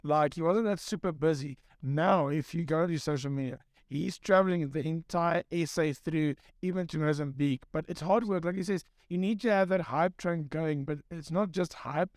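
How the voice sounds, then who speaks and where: A man in his thirties from South Africa, chatting on a panel and telling long, looping stories. His voice sits a little above the usual male pitch, and it comes across close and dry, with no room sound. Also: moderate pace, no room sound. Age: 30s. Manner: relaxed, rambling storytelling with repeats. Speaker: guest photographer. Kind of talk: casual panel chat.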